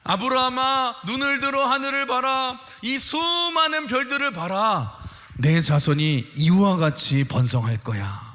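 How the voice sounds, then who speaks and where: A man's voice: very high voice, animated, a little slow, bright, forceful tone, pitched above the performer's own voice, heavily acted. A man preaching voices God making firm, emphatic promises, in a church with long reverb. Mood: reassuring. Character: God, a reassuring divine father.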